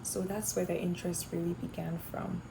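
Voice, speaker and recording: A woman's voice: lowish voice, level tone, a little fast, creaky, background noise. A young woman from Ghana, a fashion design student, answering interview questions thoughtfully with some fillers and restarts. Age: young adult.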